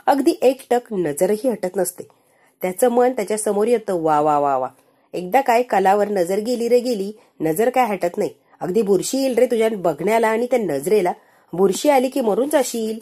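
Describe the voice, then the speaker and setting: Mellow husky woman recapping a serial. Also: mid-range voice. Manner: sarcastic, mocking asides. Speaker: serial episode reviewer. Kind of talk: dramatic recap with acted-out quotes.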